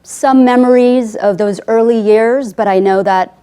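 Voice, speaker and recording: A woman in her forties, originally from Afghanistan and a first-language Farsi speaker, opens up about her life as an author guest in an interview. Her voice is on the high side, smooth and mellow, at a measured pace, and her sincere, heartfelt telling is dotted with "I mean".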